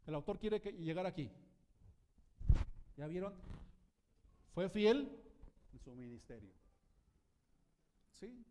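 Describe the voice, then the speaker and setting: Pastor, male, slightly high voice, animated sermon full of questions to the congregation. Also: takes it slowly, long pauses. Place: church.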